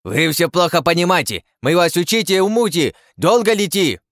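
A man's voice: expressive, normal speed, a bit bright, dry recording. A man voicing a pompous male goblin leader who talks in broken, mangled speech, in an audiobook. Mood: haughty. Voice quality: shrill, gravelly, mangled grammar.

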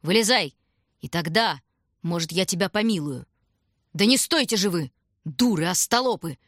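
A woman's voice: on the low side, lively intonation, normal speed, dry recording, clean studio sound. A woman voicing a pompous, tyrannical male toy king from a children's storybook, haughty and given to bellowing. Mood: furious. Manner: haughty, then bellowing with rage.

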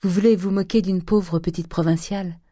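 Woman doing a shy young country girl, storybook, gentle, eager, dry close sound. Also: fairly low pitch, fairly even intonation, fairly quick, dry recording, voice pushed up, natural voice.

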